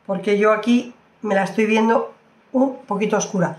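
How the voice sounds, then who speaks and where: A woman's voice: mid-range voice, normal speed, roomy sound. A woman doing a casual makeup review, chatty and exclamatory, often repeating her phrases. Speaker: beauty vlogger.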